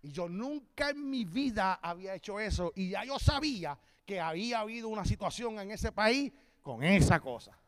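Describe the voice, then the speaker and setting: A man preaching a sermon as a visiting preacher, telling stories lively, acting out the dialogue and building to shouted peaks. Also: high voice, normal speed.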